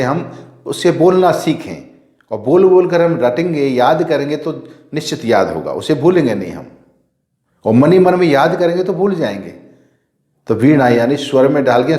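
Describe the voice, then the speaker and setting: Priest who quizzes then answers himself. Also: male voice, mid-range voice, a little mellow, echoey room. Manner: asks rhetorical questions and answers them himself; repeats key phrases for emphasis. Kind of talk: devotional teaching talk.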